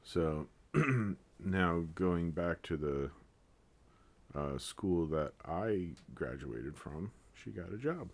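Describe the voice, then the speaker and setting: A man's voice: sits low, lively intonation, very slow. A man co-hosting a casual chat podcast, rambling with fillers and joking as he talks. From Japan. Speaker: podcast co-host.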